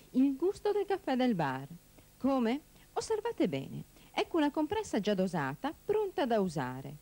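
A woman's voice: medium pitch, warm tone. A woman reading a scripted telesales voice-over, presenting in a persuasive, emphatic way with rhetorical questions. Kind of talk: scripted infomercial voice-over narration.

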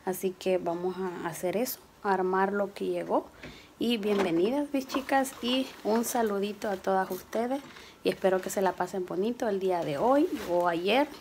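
Slightly hoarse woman vlogging at home. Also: medium pitch, normal speed, darkish tone, slight background noise. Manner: chatty, affectionate, coaxing with her child. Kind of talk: casual home vlog.

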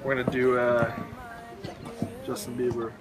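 A man hosting a casual quick-fire interview outdoors at a sports ground. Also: mid-range voice, level tone. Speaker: host.

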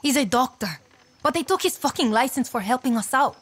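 Fiery, higher-voiced young rebel woman. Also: lively intonation, fairly quick, husky. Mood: indignant. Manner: sweary, indignant. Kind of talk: video game dialogue.

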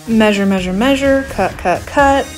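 A woman in her thirties, voice on the high side, narrates her home renovation in a casual vlog voice-over. She's chatty, blunt and relaxed, often filling pauses with "um," while faint music plays underneath.

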